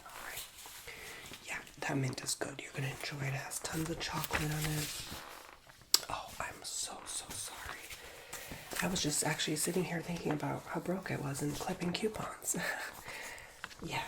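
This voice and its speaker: This fairly high-pitched man speaks in a steady tone at a moderate pace, with vocal fry and long pauses, on a low-quality recording. His nasal whisper carries an ASMR roleplay of a rambling, talkative school guidance counselor who is recovering from a cold and keeps mocking himself.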